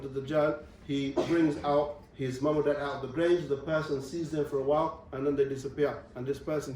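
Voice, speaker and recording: A man's voice: fairly high pitch, dark tone, slight background noise. A young man giving a religious lecture to students, explaining step by step and often checking in with "okay.". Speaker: visiting Islamic speaker. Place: university lecture room. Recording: distant mic in a very echoey room.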